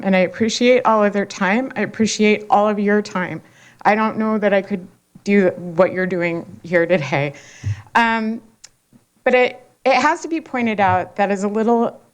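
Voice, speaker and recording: An emotional woman speaks at a public hearing, pausing and restarting often. Her voice carries through a podium microphone in a meeting room. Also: mid-range voice, clear, resonant tone. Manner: halting, with many fillers and restarts. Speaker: public commenter.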